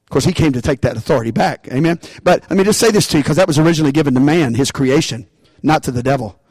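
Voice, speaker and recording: A man's voice: a little high, racing, a little mellow, slightly rough, no echo, poor audio. A man preaching a sermon, calling out to the congregation for responses and rising into bursts of emphasis. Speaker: pastor.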